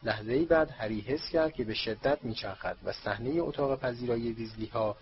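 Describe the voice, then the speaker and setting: A man narrating a storybook in a steady, measured reading voice. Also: medium pitch, dull audio, a little hiss or hum. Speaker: audiobook narrator.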